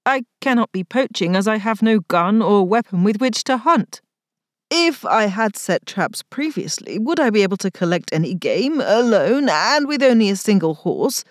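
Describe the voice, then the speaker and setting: Play a wry young viscount, voiced by a woman narrator, formal and teasing in an old-fashioned storybook way. Let the lines swing widely in pitch, and keep the sound close and dry. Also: big pitch swings, moderate pace, no echo, natural voice. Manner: formal period speech, rising to a strained high pitch.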